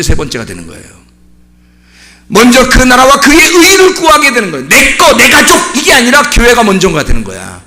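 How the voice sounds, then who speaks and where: High, bright-voiced preaching man. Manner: emphatic preaching with repeated rhetorical questions; bursts into shouting on key points. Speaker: pastor. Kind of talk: sermon.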